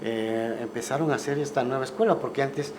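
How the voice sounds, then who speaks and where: A man, a guest musician recalling the past in a relaxed, storytelling way and often ending with tag questions. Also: medium pitch, a little fast. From Ecuador. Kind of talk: casual interview conversation. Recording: clear background noise.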